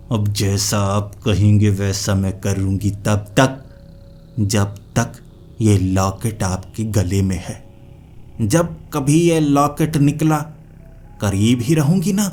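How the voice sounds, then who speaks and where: A man's voice: on the low side, darkish tone, a little hiss or hum. A man voicing a mocking tree witch. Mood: sly. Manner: taunting, then pleading and sly. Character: vengeful female tree witch spirit, mocking.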